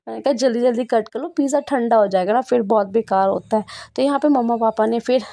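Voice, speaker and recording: A woman's voice: fairly high pitch, dark tone, dry recording, clean studio sound. A young woman narrating her family vlog in a chatty way, often laughing as she talks. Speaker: vlogger. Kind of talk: casual vlog voice-over narration.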